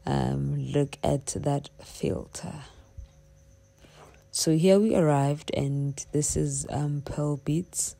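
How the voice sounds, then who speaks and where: A woman's voice: sits low, steady tone, extremely slow, creaky, mellow. A young woman from South Africa chatting casually through her vlog, giggly and teasing herself. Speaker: vlogger.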